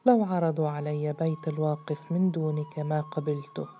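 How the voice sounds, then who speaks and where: A woman voicing a frightened, guilt-torn young woman in a storybook reading, speaking in a hushed, breathless way. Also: sits low, steady tone, brisk, soft background music, close to an everyday voice. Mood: pleading.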